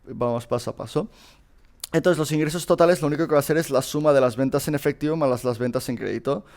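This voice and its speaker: A man's voice: a little high, quick pace, darkish tone. Guy walking students through an exam, chatty, lots of "eh" and restarts, clean voice. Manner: informal, addresses students directly, frequent fillers and restarts. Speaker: teacher solving a past exam. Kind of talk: casual screen-recorded lesson.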